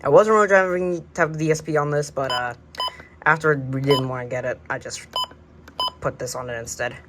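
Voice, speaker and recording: A collector shows off his radios at home near the shelves, speaking fairly quickly in a mid-range voice. He wanders through the casual, unplanned tour with hesitation and unfinished thoughts. The recording is noisy and amateur.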